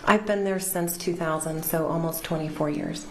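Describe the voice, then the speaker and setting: A middle-aged woman gives measured, precise expert testimony from a witness stand microphone, heard in a courtroom recording. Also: low voice, steady tone. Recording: roomy courtroom sound with faint hiss.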